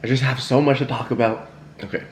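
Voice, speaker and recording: Young man, mid-pitched, casual camera vlog, chatty and rambling, faint background noise. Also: fairly even intonation, fast talker. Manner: chatty and rambling, with fillers, laughs and self-talk. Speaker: YouTuber hosting a mukbang. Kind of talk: casual talk to camera while eating.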